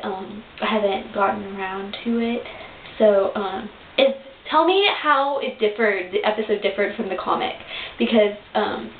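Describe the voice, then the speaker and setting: A young woman gushing about a cartoon episode in a casual fan review, with lots of fillers and restarts. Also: mid-range voice. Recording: tinny lo-fi webcam audio in an echoey room with hiss.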